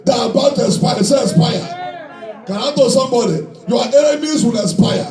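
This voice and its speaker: A man delivers a fervent Pentecostal-style sermon, declaiming and repeating phrases emphatically while calling for responses from his congregation. His voice is very high, expressive and darkish at a normal speed. The recording comes through an echoey hall PA on a distant mic, with background music and a faint crowd.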